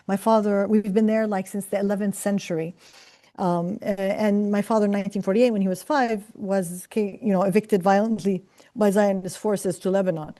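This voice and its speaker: Middle-aged woman professor, mellow tone, reflective and earnest, lots of fillers and restarts. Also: mid-range voice, fairly even intonation, moderate pace. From Palestine. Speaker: professor and scientist. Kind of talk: career talk to students.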